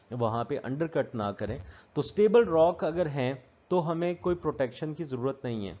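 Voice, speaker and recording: Male safety instructor, mid-range voice, steady explanatory lecture, slightly muffled recording. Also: medium pitch. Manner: mixes English technical terms into explanation, repeats key points.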